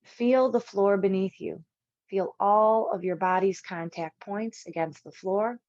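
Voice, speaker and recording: A woman instructor guides a yoga relaxation in measured, soothing short phrases separated by long pauses. Her voice is medium-pitched and darkish. The recording has no echo, but the highs are cut off.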